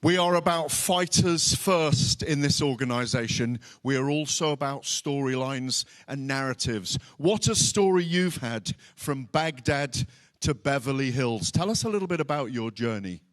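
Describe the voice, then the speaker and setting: A man's voice: medium pitch, animated, measured pace. A man conducting a sports interview, with upbeat, polished introductions. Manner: upbeat, scripted-sounding intros. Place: indoor arena venue.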